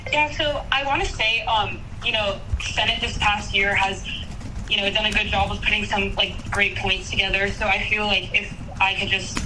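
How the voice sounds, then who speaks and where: A woman's voice: medium pitch, steady tone, normal speed. Young woman on speakerphone, casual and eager. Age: young adult. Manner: casual, eager, many fillers like "like" and "um". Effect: heard over a speakerphone call. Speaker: student applicant. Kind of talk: phone interview answers. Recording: distant speakerphone with clear background noise.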